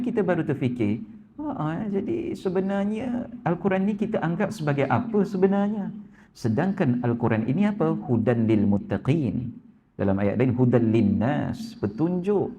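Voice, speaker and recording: A man with a Malaysian Malay accent preaches at an evening mosque lecture, addressing the congregation again and again. His voice sits fairly high and has a mellow, warm tone. A faint noise runs under the recording. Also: dull audio. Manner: addresses audience repeatedly, acts out quoted voices with lifted pitch. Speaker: ustaz giving a mosque lecture. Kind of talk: Malay religious sermon. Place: neighbourhood mosque prayer hall.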